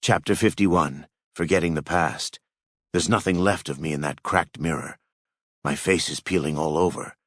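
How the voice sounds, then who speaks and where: A man's voice: rumbling low, moderate pace, dry recording, studio quality. A man reading a fan fiction story aloud in the first person, with a somber, grieving delivery. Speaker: story narrator.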